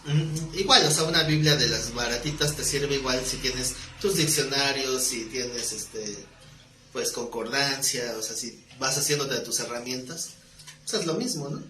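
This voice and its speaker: A man's voice: mid-range voice, normal speed, pushed and bright. A man preaching a teaching sermon in a conversational way, asking his listeners questions. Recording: echoey room, faint noise.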